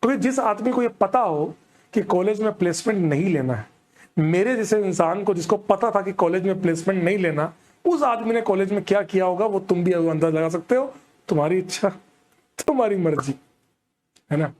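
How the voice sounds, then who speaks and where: A young man, telling a comic story in an animated way and keeping checking that the audience follows. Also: high voice, normal speed. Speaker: stand-up comedian. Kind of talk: storytelling comedy.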